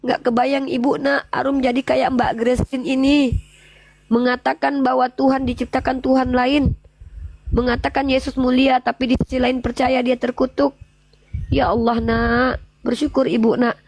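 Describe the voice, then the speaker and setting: A woman's voice: high-pitched, level tone, normal speed, darkish tone, no echo, poor audio. A middle-aged woman with an Indonesian accent, a debate-channel regular, praying aloud and talking emotionally on a live call. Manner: emotional, pleading, prays aloud.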